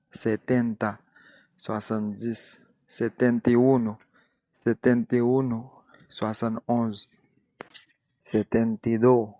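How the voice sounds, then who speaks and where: A man teaching a language lesson, whose first language is Haitian Creole, slowly counting out numbers and repeating each one before he translates it. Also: on the low side, mellow, no echo.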